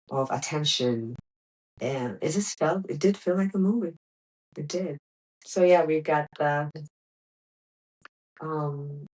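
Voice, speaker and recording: A young Greek woman hosts a podcast, telling a personal story candidly and emphatically and repeating words for stress. Her voice is low-pitched and darkish, and the audio quality is poor.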